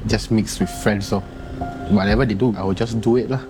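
A man's voice: on the low side, fairly even intonation, fairly quick, over music. A man in his thirties with a Singaporean accent, speaking candidly as an interviewee. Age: 30s. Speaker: interviewee, job seeker.

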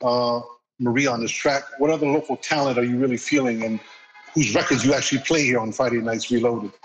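A man hosting a radio interview, asking long, carefully framed questions in a measured way. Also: medium pitch, steady tone, music in the background, low-quality recording. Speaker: radio host.

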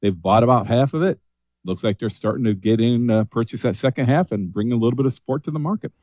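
Man, over the phone, grain analyst, brisk with "uh" fillers, muffled dry line. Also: mid-range voice, darkish tone, dry recording. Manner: brisk, figure-heavy, uses frequent "uh" fillers. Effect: heard over a phone line. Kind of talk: market report commentary.

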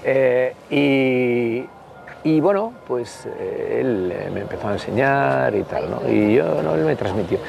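Animated and creaky in a mid-range voice, a sixty-something Basque man, a political party member, tells anecdotes as a guest in an interview. He rambles and stumbles in Basque-accented Spanish, peppering it with tag questions, over a noisy background.

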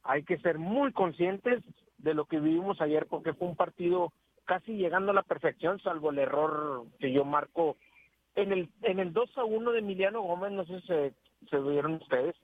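A man's voice: on the high side, normal speed. A man calls a sports radio show over a phone line, earnestly giving his football opinion and repeating words as he searches for them. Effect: heard over a phone line. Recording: tinny phone line with faint hiss.

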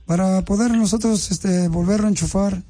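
A radio prank caller who poses as a utility official in a mock-official, needling and insulting way. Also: male voice, high voice, steady tone, moderate pace, mellow, faint music behind. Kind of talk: prank phone call.

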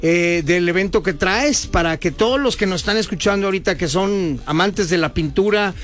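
A man with a Mexican accent hosting a casual radio interview, chatty and relaxed. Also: sits high, moderate pace. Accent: Mexican Spanish. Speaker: radio host.

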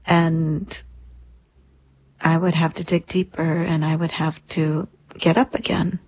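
A woman's voice: deep voice, flat delivery, slow pace, husky. A woman in her thirties, an interview guest, telling a personal story in an earnest, reflective way. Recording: lo-fi dull sound.

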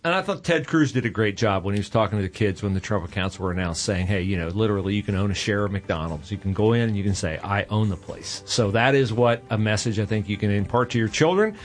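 Lowish-voiced male radio host. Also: quick pace, few pauses. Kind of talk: radio talk and live ad reads.

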